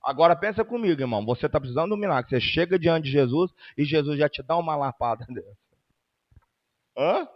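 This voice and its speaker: A man with a Brazilian Portuguese accent preaching a fervent sermon at a church service, moving between loud exhortation and hushed storytelling. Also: on the high side, expressive, fast talker, long reverb tail, highs cut off. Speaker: pastor.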